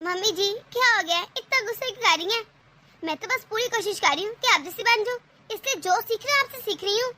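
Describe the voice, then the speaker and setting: A woman's voice: very high voice, expressive, fast talker, pushed and bright, full character voice. A woman voicing a clever young daughter-in-law in a cartoon, sweetly polite but cheeky. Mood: sly sweet. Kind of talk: animated cartoon voice acting.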